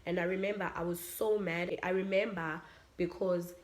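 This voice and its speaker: Young woman, South African accent, storytime vlog, lively acted-out quotes, mixes in Zulu. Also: lowish voice, moderate pace. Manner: animated, acts out quotes, mixes in Zulu phrases. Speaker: vlogger.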